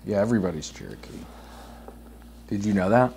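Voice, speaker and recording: A man guesting on a live podcast in a hotel room, joking crudely and getting animated in casual banter. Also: fairly low pitch, a little fast, vocal fry, slight background noise.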